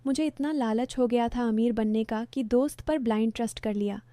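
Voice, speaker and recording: A defensive, troubled grown son in a spoken story, read by a woman in her own fairly high voice. The lines come evenly read and dark-toned, with a dry, close sound. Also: brisk, clear, resonant tone, no room sound, close to an everyday voice. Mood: remorseful.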